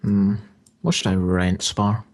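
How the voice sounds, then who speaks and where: A man's voice: fairly low pitch, level tone, takes it slowly, darkish tone. A man chatting casually as a commentator on video game cutscenes. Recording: game music behind.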